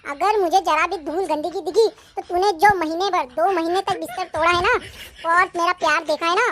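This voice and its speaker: A woman's voice: very high voice, steady tone, normal speed, fairly bright tone, slight background noise. A woman voicing a bossy, nagging mother-in-law in a cartoon, scolding and threatening.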